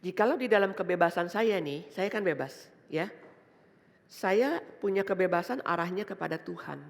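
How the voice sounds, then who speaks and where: Woman, vicar, sermon, gravelly voice, repeats phrases for emphasis, chats with the congregation, long church-hall reverb. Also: lowish voice, expressive, moderate pace. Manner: addresses the congregation directly and conversationally; tells illustrative stories in a casual tone. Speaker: vicar preaching.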